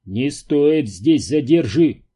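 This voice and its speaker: A man's voice: medium pitch, expressive, slow, warm tone, breathy edge. A man doing a nervous, pushy cameraman. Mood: uneasy.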